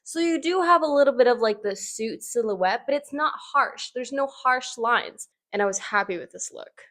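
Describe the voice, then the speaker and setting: A woman's voice: a little high, expressive, normal speed, a bit bright. A woman giving casual, opinionated fashion commentary in an informal, conversational way, peppering her sentences with "like". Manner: informal, conversational, frequent "like" as emphasis.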